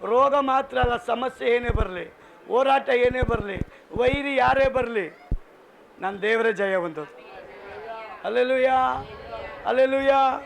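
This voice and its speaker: A man's voice: very high-pitched, measured pace, gravelly, pauses often, slight background noise. A male pastor with a Kannada accent preaching a sermon in a church, asking the congregation questions and calling for responses. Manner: rhetorical call-and-response preaching. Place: church hall.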